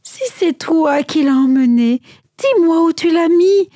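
A woman voicing a distraught young woman who cries and pleads in a high voice. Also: expressive, a little slow, mellow, no echo, studio quality. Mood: tearful.

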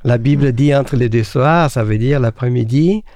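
A man teaching the Bible in a relaxed conversation. He speaks earnestly and asks rhetorical questions, with frequent fillers and restarts. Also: medium pitch, moderate pace, no room sound.

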